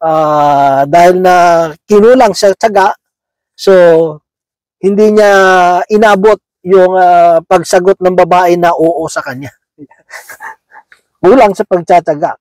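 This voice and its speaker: A man's voice: sits high, takes it slowly, long pauses, darkish tone, dry recording, poor audio. A man preaching a sermon in a conversational way, checking in with his listeners after nearly every phrase.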